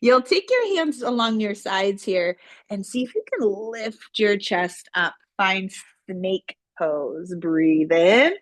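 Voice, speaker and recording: A woman yoga instructor gently guiding children and families through poses, with playful, encouraging cues. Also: medium pitch, expressive, takes it slowly, dry recording. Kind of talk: guided kids' yoga instruction.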